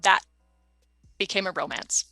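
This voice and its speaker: Woman reading her novel out loud, bright clear voice, very expressive, dry close sound. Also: unhurried, dry recording, soft background music, poor audio. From Canada. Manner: lively expressive reading, voicing characters with big jumps in pitch. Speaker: guest author reading her fiction. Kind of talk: reading aloud from her novel, then casual chat.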